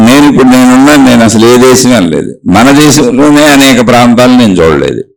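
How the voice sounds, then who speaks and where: Man, spiritual teacher, gravelly voice, a bit off-mic, slow reflective discourse. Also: mid-range voice, far from the mic, low-quality recording. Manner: slow, reflective, listing examples.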